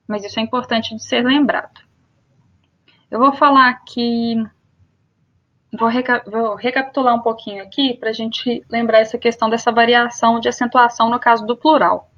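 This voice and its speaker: A young woman with a Brazilian Portuguese accent teaching a grammar lesson, repeating each example word slowly and clearly. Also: on the high side, a bit bright, lo-fi sound.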